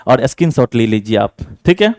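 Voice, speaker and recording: A male teacher running an exam-prep class, repeating each answer slowly and checking again and again that students have it memorized. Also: medium pitch, very animated, darkish tone, dry recording, studio quality. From Bihar, India.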